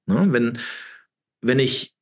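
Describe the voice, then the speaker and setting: A man's voice: mid-range voice, slow pace. A man in his fifties talking as an interview guest, emphatic and preachy, often repeating words and ending with a questioning tag. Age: 50s. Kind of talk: impassioned interview talk.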